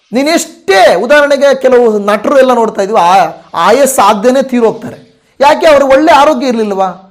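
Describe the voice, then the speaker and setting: A male pastor preaching a sermon, swinging between loud peaks and soft drops. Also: very high voice.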